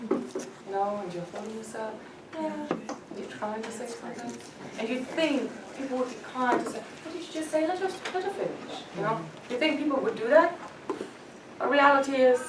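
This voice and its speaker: A woman coaching a small group on etiquette and presence, talking emphatically and laughing often. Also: a little high. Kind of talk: workshop talk to a small group. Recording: roomy and distant with background noise.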